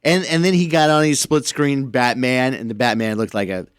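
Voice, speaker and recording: A man's voice: mid-range voice, normal speed, clean tone, dry recording, studio quality. Rambling male podcast co-host. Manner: rambling, repeats words, animated storytelling. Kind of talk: casual chat. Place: radio station studio.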